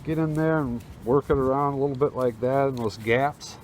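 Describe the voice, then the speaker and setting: Speaking through a face mask on a rooftop, a man hosts a relaxed, informal step-by-step restoration tutorial. His voice is medium-pitched and a bit mellow at a normal pace, and the outdoor camera audio is noisy.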